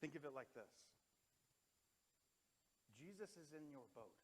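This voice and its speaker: A pastor in his thirties delivering a sermon in a church, swinging between loud emphatic lines and hushed, quiet ones. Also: fairly high pitch, lively intonation, a little slow, slightly rough. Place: church sanctuary. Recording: long hall reverb.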